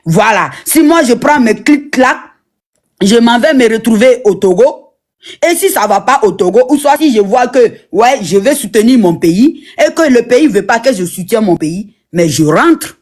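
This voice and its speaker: A woman's voice: fairly high pitch, expressive, normal speed, darkish tone. A woman from Burkina Faso in a heated online debate, insistent and prone to repeating herself while steering who speaks. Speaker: debate participant and moderator.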